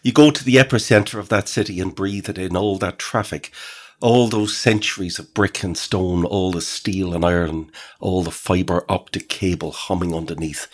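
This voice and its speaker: A man reading a sardonic monologue aloud to a writing group, wry and swearing casually. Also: sits low. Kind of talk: dramatic reading of his own monologue.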